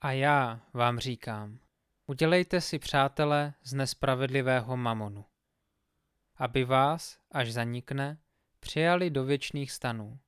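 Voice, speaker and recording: A man reads scripture aloud with measured, solemn pacing. His voice is smooth and resonant, at a middle pitch. The recording is close and dry, with no room sound. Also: fairly bright tone, dry recording. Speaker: Bible reader.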